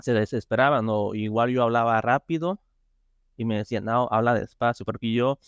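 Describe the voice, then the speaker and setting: A man's voice: mid-range voice, normal speed, clean tone, no echo, muffled recording. A man, guest in a casual interview, talking hesitantly with many fillers and restarts. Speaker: interview guest, software tester.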